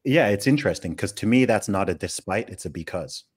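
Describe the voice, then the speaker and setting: A man's voice: on the low side, brisk, slightly rough. A man born in the UK and raised in Saudi Arabia, hosting a casual podcast conversation, emphatic and full of rhetorical questions. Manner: animated, emphatic, rhetorical questions, frequent restarts. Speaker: podcast host.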